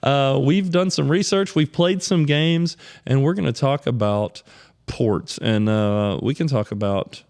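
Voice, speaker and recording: A man hosting a casual podcast, chatty and animated, laughing often as he talks. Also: medium pitch, measured pace. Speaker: podcast host.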